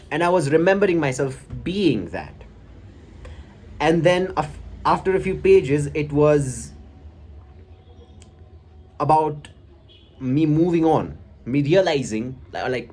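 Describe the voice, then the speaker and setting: A young man with an Indian accent talks casually and haltingly, reflective and a little self-conscious as he shares his old diary. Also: fairly high pitch, darkish tone. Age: young adult. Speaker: vlogger. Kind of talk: casual personal storytelling, reading from an old diary. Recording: clearly audible background noise.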